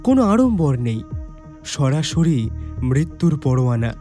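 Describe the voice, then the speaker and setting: Mellow man narrating a detective story. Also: a little high, very animated, a little slow, soft background music. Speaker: first-person narrator.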